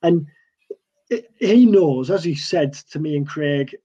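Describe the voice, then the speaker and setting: A man's voice: fairly high pitch, expressive, takes it slowly, warm tone, breathy edge, highs cut off. A man with a Teesside accent chatting casually as a football podcast panellist. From Teesside, England. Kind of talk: casual chat.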